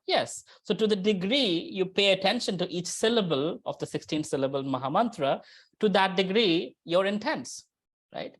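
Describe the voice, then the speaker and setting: Spiritual teacher for an informal religious talk; conversational, mid-pitched voice, keeps checking in with listeners. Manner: conversational, often checks in with "right?". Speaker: spiritual teacher leading a scripture discussion. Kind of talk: informal religious lecture, answering questions.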